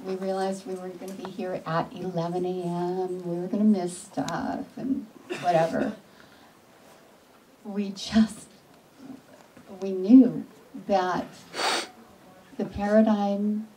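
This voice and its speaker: A woman speaks slowly and earnestly to a small gathering, pausing often and restarting her sentences. Her voice is mellow and soft-edged. She is picked up from a distance, with faint background noise. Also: medium pitch. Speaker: event attendee giving a speech. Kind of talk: heartfelt informal speech.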